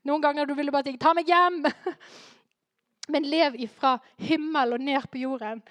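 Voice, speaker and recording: A woman preaching a sermon in a lively way, rising to fervent emphasis. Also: sits high, no room sound.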